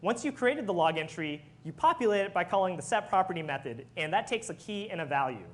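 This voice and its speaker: Step-by-step technical presenter, medium pitch. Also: very animated, fast talker, a bit bright. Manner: explanatory, step by step. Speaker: software engineer presenter.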